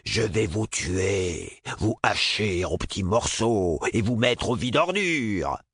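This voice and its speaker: A man reading aloud puts on a teenage boy's disguised monster voice, dragged out slow and menacing. The tone is husky and low, with a lively, swooping pitch. It sounds dry and close, with no room around it. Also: dry recording, heavily acted. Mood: mock menacing. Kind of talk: audiobook narration.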